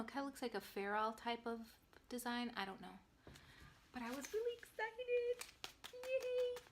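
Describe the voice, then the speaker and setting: A young woman hosts her own crafting vlog, talking straight to her viewers. Her voice is bright and forward at a middle pitch. She rambles in a loose, casual way and often stops to restart a sentence. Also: a little hiss or hum. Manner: chatty, rambling, with many restarts and fillers. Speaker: knitting podcast host.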